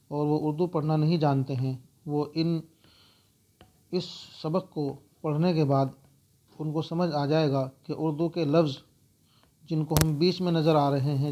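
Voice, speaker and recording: A man teaching a spoken alphabet lesson, going through letters slowly and repeating each sound. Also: on the high side, dark tone. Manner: slow, repetitive letter-by-letter explaining.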